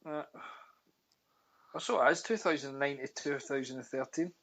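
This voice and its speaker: A man's voice: mid-range voice, normal speed, creaky, fairly bright tone. A Scottish man with a Glasgow street accent, bantering casually and bluntly about sport with plenty of swearing and slang. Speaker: podcast panellist. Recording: dull, lo-fi voice line.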